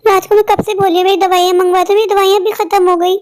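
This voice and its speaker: In a cartoon, a woman voices a frail, neglected old mother who wearily pleads for care. The voice is pitched very high and sounds tired and complaining. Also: flat delivery, quick pace, darkish tone. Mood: weary pleading. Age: older. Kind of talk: animated cartoon voice acting.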